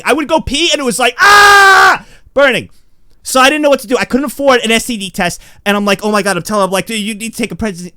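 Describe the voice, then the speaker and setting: A man's voice: extremely high pitch, clear, resonant tone, no echo, studio quality. A young man telling a comedic personal story in a casual, stammering way, acting out the voices of the people in it. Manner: animated, stammering, acts out voices.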